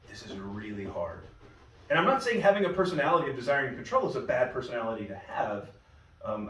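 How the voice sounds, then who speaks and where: Heard from a distant mic in a roomy church meeting room, a male pastor runs an informal Bible study, storytelling in a conversational style with frequent restarts. His voice is mid-range, with a little hiss or hum.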